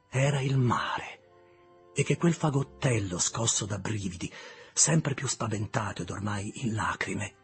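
A man narrating an audiobook in a measured, deliberate reading style, with a husky voice. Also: on the low side. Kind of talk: scripted literary narration.

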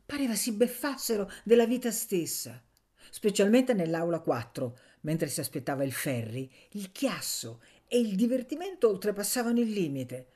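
A woman reading a classic novel aloud for radio in a measured, expressive way. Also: mid-range voice, breathy edge. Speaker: audiobook reader.

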